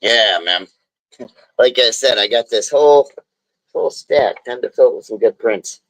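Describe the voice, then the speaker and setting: A man's voice: medium pitch, normal speed, a bit bright, no echo, rough recording. A man streaming casually as he draws, talking in a laid-back, drawling, slangy way into a phone. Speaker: live streamer and tattoo artist. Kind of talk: casual chat while drawing.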